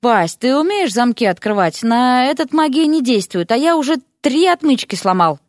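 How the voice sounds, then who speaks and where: A cheeky young prince, voiced by a woman narrator grumbles about his lot in a casual way. The voice is lively and fairly high. The sound is dry and close. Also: moderate pace, dry recording. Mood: grumbling. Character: cheeky young male prince, complaining student.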